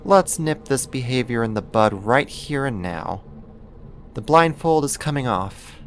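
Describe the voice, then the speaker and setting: In an ASMR roleplay, an actor plays an obsessive, possessive neighbor who has become a kidnapper, speaking deliberately, intimately, and controllingly. The medium-pitched voice is expressive and sounds menacing and commanding, with slight background noise.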